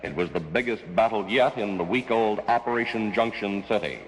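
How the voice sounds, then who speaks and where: A man's voice: on the low side, fairly quick. An American man delivering scripted 1960s network radio news as a newscaster. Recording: reverberant vintage radio broadcast.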